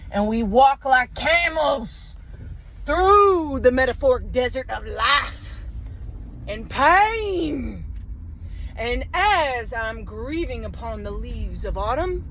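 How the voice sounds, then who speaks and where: A woman telling a rambling, profane comic story about her morning walk, with deadpan asides. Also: medium pitch, a little hiss or hum, low-quality recording. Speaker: vlogger. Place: outdoors in a wooded park.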